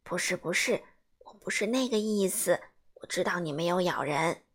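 A woman voicing a kind, wise old grandmother in a storybook reading, with a lower, gentle and patient voice. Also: expressive, normal speed.

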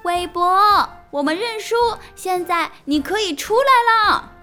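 A playful young she-elephant from a children's storybook, teasing and bright, with a high voice that swoops up and down as she calls to her cousin, as a woman puts her on. Faint music plays behind her. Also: big pitch swings, normal speed. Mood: calling out.

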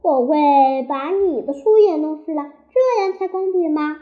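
A woman's voice: extremely high pitch, animated, normal speed, muffled recording. A woman voicing a carefree, cheeky little schoolgirl who talks in a giggly, nonchalant way.

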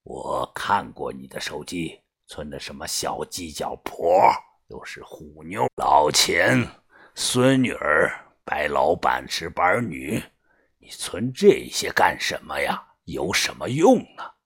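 A man voicing a weary older male gang boss who speaks low, slow and hushed in an audiobook. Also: sing-song, husky, heavily acted. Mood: exasperated.

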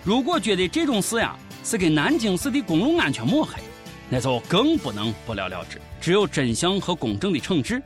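A man's voice: high-pitched, wildly swooping pitch, a little fast, faint music behind. A man with a Shaanxi accent giving comic news commentary in a mocking, colloquial, sarcastic way. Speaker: host of a satirical news show.

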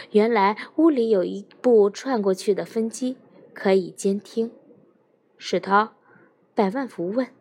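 A woman narrates an audiobook in a measured, earnest way. Her voice sits at a middle pitch. She keeps an unhurried storytelling pace throughout. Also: warm tone.

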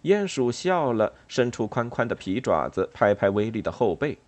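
A man narrating a children's animal story with an expressive, lively reading. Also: medium pitch, normal speed.

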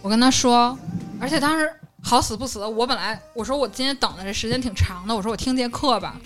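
A young woman, telling a story in lively casual chat and acting out the quotes. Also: on the high side, fast, faint music behind. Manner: lively, animated retelling, acts out quotes. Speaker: podcast co-host.

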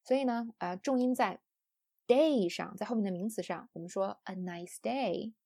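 Young woman from China, English pronunciation teacher, mellow husky voice, patient and explanatory. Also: mid-range voice, normal speed, no room sound. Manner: patient, explanatory, with many "啊" and "呃" fillers. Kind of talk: online audio lesson.

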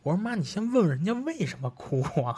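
A man's voice: a little high, fast, slightly rough. A man, co-hosting a podcast and telling stories in casual chat, acting out the people he quotes. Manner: animated storyteller, acts out quoted exchanges. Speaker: podcast co-host.

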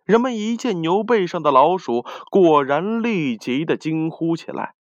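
A man narrating a children's folk tale in an expressive, lively reading. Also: fairly high pitch, measured pace, dry recording, muffled recording. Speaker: storyteller. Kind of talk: storybook narration.

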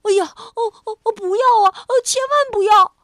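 蹦蹦，女声演绎的爱恶作剧的小兔子. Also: female voice, sits high, expressive, normal speed, no echo, studio quality. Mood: panicked. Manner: dramatic wails, loud teasing. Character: excitable little rabbit, playful prankster. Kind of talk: children's storybook reading.

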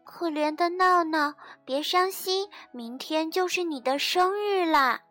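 A woman voicing a timid little male mouse speaking gently and slowly in a children's storybook. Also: extremely high pitch, soft background music, voice pushed up, exaggerated voice. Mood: gentle.

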